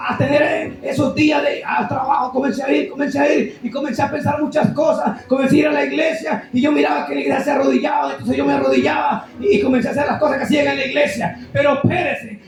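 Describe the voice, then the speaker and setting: Evangelist guy shouting his testimony, really high voice, big echo from far off. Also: level tone, quick pace, few pauses, faint music behind. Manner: impassioned, shouting, preacherly. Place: church.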